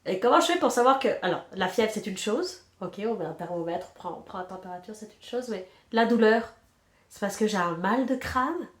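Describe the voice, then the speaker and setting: This chatty knitting podcast host has a stuffy head cold and chats casually while knitting, poking fun at herself and losing her thread as she counts stitches. She's animated and brisk, with a mid-range voice and a roomy sound.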